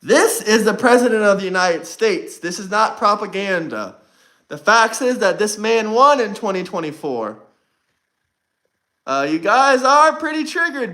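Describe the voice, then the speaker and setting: Young guy streaming, brash, says stuff twice, real high bright voice. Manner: brash, repetitive, talks straight to chat. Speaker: livestream host. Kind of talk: casual livestream chat.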